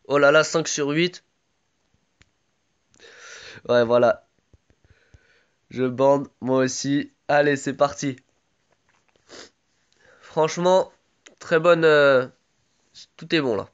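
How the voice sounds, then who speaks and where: A man's voice: fairly high pitch, fairly even intonation, takes it slowly, pauses often, clear, resonant tone, dull audio. A man with a sore throat giving casual live commentary on his own game, chatty and full of gamer slang.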